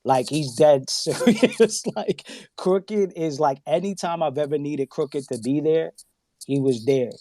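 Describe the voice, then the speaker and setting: A man chats on a podcast, slightly higher than most men, and tells stories with animated energy, slipping into quoted voices. He swears freely and laughs often. The sound is dry and close. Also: a little slow, dry recording. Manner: profane, emphatic. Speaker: guest on a podcast. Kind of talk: casual podcast chat.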